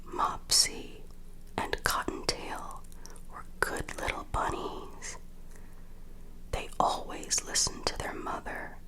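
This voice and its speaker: A woman tells children's tales as an ASMR bedtime read, whispering breathily the entire time. Her delivery is gentle, unhurried and deliberate.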